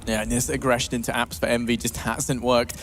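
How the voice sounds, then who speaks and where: A man doing live esports play-by-play commentary as a caster, building from measured analysis to excited calls. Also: mid-range voice, background noise.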